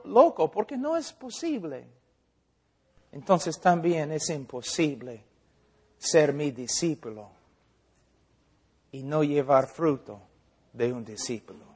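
A man preaching a sermon, animated, acting out dialogues and asking rhetorical questions. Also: high voice, slightly rough. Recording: long hall reverb.

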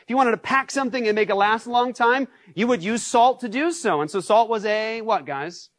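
Pastor, male, animated sermon delivery with rhetorical questions, dry sound. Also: high voice, fairly quick, dry recording. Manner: acts out shouted scenes.

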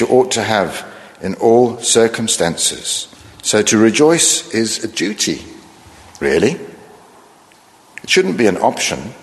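A man preaching a sermon in a measured, earnest way, often asking rhetorical questions. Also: low voice, big-room sound.

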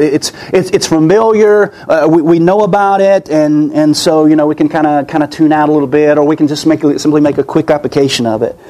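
A man's voice: on the high side, dark tone. A man preaching a sermon in an earnest way, often repeating and restarting his words, his voice weak and worn.

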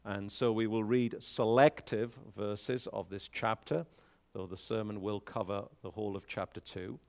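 Slow, deliberate pastor at a pulpit microphone. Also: male voice, lowish voice, steady tone, creaky. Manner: slow, measured reading with rising emphasis; frequent fillers when speaking freely. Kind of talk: scripture reading and sermon announcements.

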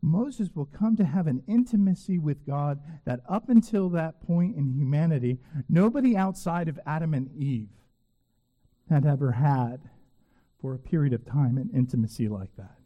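A man preaching a sermon in a church sanctuary, earnest and emphatic, slowing down to repeat phrases with weight. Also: a little high, animated, dull audio. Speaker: pastor. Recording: long reverb of a church hall.

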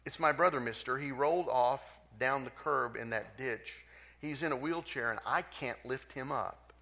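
A man voicing a small crying boy who pleads for help, halting through tears, as a quote within a sermon. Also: medium pitch, gravelly, pushed and bright. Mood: pleading.

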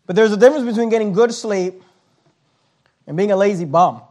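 A man preaches a sermon at a fairly high pitch. He punches key phrases, trips over quick restarts, and slows to a heavy, deliberate cadence when quoting scripture. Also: darkish tone. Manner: reads scripture in a slowed, heightened voice. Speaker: pastor.

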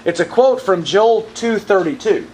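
A man's voice: high voice, lively intonation, measured pace, darkish tone, slight background noise, rough recording. A man teaching from the Bible in a sermon style, asking the audience questions and repeating verse references.

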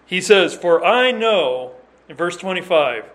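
A man's voice: high-pitched, expressive, measured pace, a bit bright. A man preaching a sermon, earnest and emphatic, reading scripture in old-fashioned wording and often restarting his phrases. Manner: restarts and repeats words while explaining.

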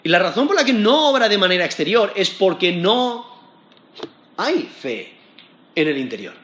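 A man preaching a sermon, teaching from scripture and rising to emphatic high points when he quotes it. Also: very animated, moderate pace, a bit bright, reverberant, slight background noise.

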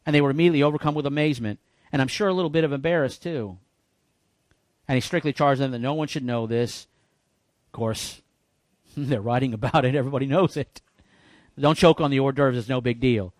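A man preaching a sermon in church, folksy and joking, with animated bursts when he quotes people. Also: mid-range voice, fairly quick, pauses often, no echo, studio quality. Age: 50s. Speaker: pastor.

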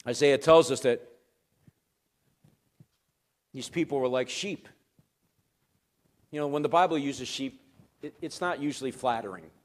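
A male pastor preaching a sermon, swinging between loud emphatic rises and quiet, dropped phrases. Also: mid-range voice, moderate pace.

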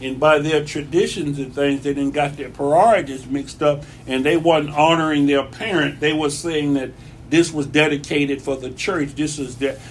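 Male pastor, folksy conversational sermon, slightly raised pitch. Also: moderate pace, slight background noise. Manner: folksy, repeats phrases for emphasis. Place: church.

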